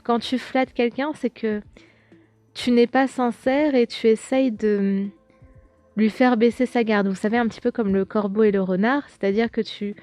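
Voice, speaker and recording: A woman's voice: on the high side, a little mellow, no room sound. A young woman hosting a podcast, chatting casually as she reads out viewer comments, with lots of fillers and restarts. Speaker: podcast host.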